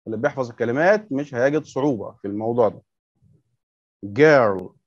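In a dry, dull-sounding recording, a medium-pitched man with an Egyptian Arabic accent moves fairly quickly through a workbook lesson. He teaches young children English words, patiently repeating them and asking questions.

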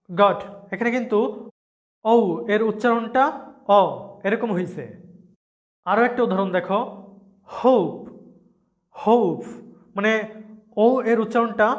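A man teaching pronunciation in a video lesson, patiently repeating each example word and answering his own questions. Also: high-pitched.

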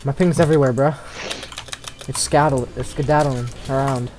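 Teasing eighteen-year-old American gamer, keyboard clatter. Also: male voice, mid-range voice, steady tone, moderate pace. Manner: teasing, laughs often. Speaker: streamer. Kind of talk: casual gaming chat. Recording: noisy, keyboard clicks behind.

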